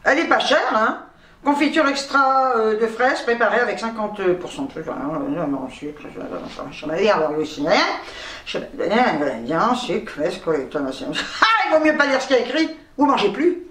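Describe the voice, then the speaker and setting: A woman's voice: medium pitch, lively intonation, normal speed, fairly bright tone, recorded from a distance. A woman chatting bluntly through her grocery haul, swearing freely and laughing at herself. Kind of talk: casual grocery haul chat. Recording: roomy echo, speaking from away from the mic.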